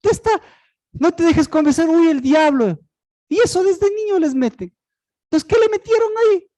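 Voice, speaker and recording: A preacher giving a sermon, asking and answering their own rhetorical questions, with sudden swings from loud high cries down to low murmurs. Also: animated, moderate pace, rough recording.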